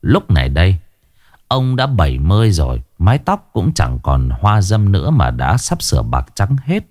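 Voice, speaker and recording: A man narrating a ghost story in an expressive storytelling voice. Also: sits low, moderate pace, dry recording, studio quality.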